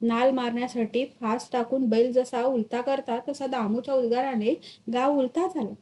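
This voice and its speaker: A woman reading a literary short story aloud, expressive and dramatic in her storytelling. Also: fairly high pitch, moderate pace. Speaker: story reader.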